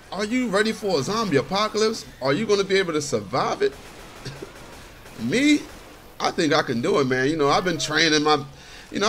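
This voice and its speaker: A man's voice: a little high, a bit bright, a little hiss or hum. A man talking casually over gameplay from his bedroom, chatty and laid-back and laughing often. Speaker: gaming commentator.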